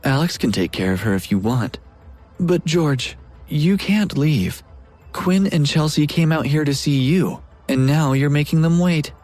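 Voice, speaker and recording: A man's voice: a little high, animated, unhurried, a little mellow, faint music behind. A man voicing a scheming young man who talks in a coaxing, pushy way.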